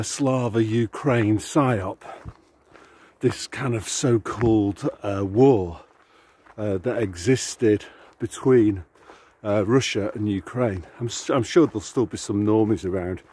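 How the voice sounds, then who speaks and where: Husky-voiced man rambling to camera. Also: fairly low pitch, mellow. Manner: rambling, sardonic. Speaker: vlogger. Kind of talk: casual talk to camera while out walking. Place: outdoors on the way to the shops.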